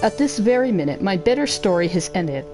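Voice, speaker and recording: A woman voicing a mature sorceress, speaking formally in a measured, regretful confession. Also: medium pitch, big pitch swings, music in the background, lightly acted, poor audio. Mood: solemn.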